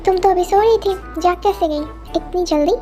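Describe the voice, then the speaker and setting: A woman voicing a feisty, quick-tempered young woman assistant who argues indignantly, with faint music behind. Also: extremely high pitch, dark tone. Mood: irritated. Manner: indignant, argumentative, exclaiming.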